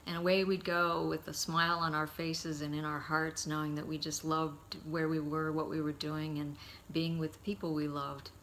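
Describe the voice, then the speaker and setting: A middle-aged man giving a heartfelt eulogy, telling stories about his father in a halting, storytelling way. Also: on the high side, monotone, slight background noise. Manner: warm, halting anecdotes with frequent pauses.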